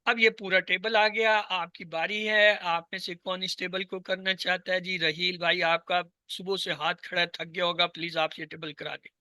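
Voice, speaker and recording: A high-pitched man teaches an online class, drilling tables and repeating answers with patience. His tone is very bright, and the sound is dry and close on a video call. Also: flat delivery, hardly any pauses, no echo. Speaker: Arabic teacher.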